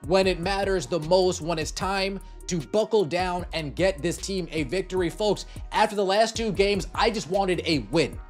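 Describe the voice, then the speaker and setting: A man's voice: sits high, normal speed, hardly any pauses, soft background music. A man giving casual sports commentary, earnestly posing questions and speaking directly to his viewers.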